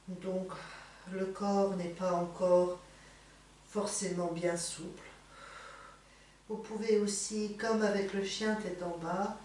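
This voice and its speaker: A woman teaching yoga in a soothing, unhurried, gently encouraging manner, giving slow guided instructions. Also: mid-range voice. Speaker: yoga teacher leading a morning class. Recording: echoey room, distant mic, faint noise.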